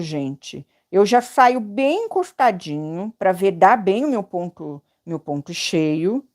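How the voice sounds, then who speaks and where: A woman's voice: mid-range voice, a little mellow. A woman teaching hand embroidery on a live stream, chatty and affectionate. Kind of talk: live-streamed craft lesson.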